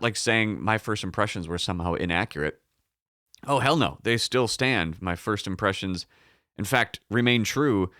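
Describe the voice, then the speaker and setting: A man hosts a casual solo podcast in a lowish voice with a slight morning frog in it. The tone still comes through cleanly, recorded very dry and close. He rambles, corrects himself and leans hard on words, swearing freely. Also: a bit bright, smooth, no echo. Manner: rambling, self-correcting, emphatic, profane. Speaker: podcast host.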